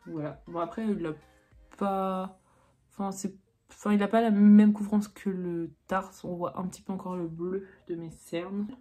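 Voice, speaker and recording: Faint background music accompanies a young French beauty vlogger as she chats through a makeup tutorial, full of fillers, restarts, and self-corrections. She speaks in a warm, medium-pitched voice at a moderate pace with a steady tone.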